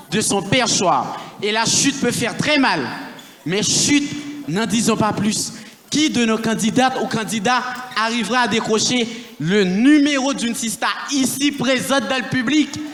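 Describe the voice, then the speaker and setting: A man's voice: very high-pitched, noisy background. A young man playing a brash TV game show host on stage, announcing in a showy, hyped way. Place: theatre stage. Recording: echoey hall, stage recording.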